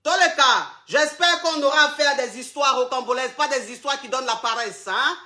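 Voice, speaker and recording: A woman hosts a comedy phone-in as a self-styled coach, playful and theatrical, hammering her lines through repetition. Her voice sits high and bright, swinging widely in pitch. The room around her is echoey. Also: a little fast. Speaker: comedy show host playing a coach.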